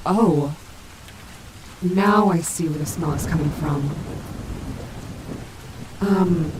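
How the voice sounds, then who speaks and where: A woman playing a female animatronic wolf in an audio roleplay, vain and sassy but protective and maternal, talking casually. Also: lowish voice. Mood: puzzled, uneasy, then gentle, reassuring. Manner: sassy, casual, swearing, muttering asides to herself. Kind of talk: character audio roleplay, speaking to listener. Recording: heavy rain and thunder noise behind. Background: rainstorm sound effects.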